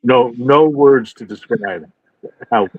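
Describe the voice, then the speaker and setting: A man's voice: medium pitch, slow, breathy edge, no echo. A man calling in as a remote guest over a patchy, breaking-up connection, chatting casually and stumbling over his words. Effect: patchy, breaking-up remote call audio. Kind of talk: casual chat. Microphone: remote call mic. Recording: dull, lo-fi remote call line with background noise.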